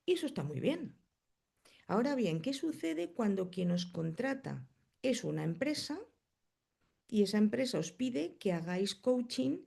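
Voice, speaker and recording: Hoarse woman teaching a coaching class over a video call, gravelly fry in her voice, talks it through step by step. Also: lowish voice, warm tone. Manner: explains step by step, then reads the chat. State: hoarse, coughing. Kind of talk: live online class.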